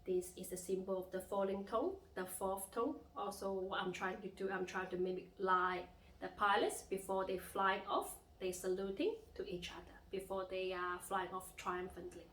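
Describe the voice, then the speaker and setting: A woman's voice: mid-range voice, level tone, moderate pace, a bit bright, echoey room, slight background noise. A woman teaching Mandarin tones in a lesson, patiently drawing out each demonstrated phrase. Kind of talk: language lesson with slow drilled phrases.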